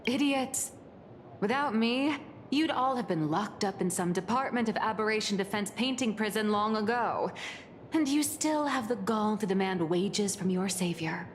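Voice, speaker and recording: A woman's voice: mid-range voice, expressive, moderate pace, slight background noise, lightly acted. An actress voicing a smug, scheming woman magazine founder in a game, with a confident, teasing, theatrical delivery. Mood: scornful. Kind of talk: game voice acting. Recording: game audio with reverb and music.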